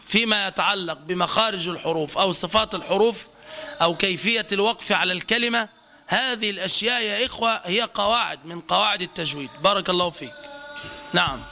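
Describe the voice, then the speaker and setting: A man teaching a lesson, correcting students' pronunciation and repeating syllables slowly. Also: high-pitched, sharp tone. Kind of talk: live online recitation lesson.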